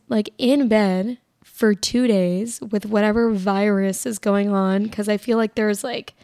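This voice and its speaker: A young woman hosts her own solo podcast, her somewhat high, raspy voice wandering casually from thought to thought with constant "like"s and other fillers. She sounds tired, still recovering from being sick. The recording is mellow, dry, and close.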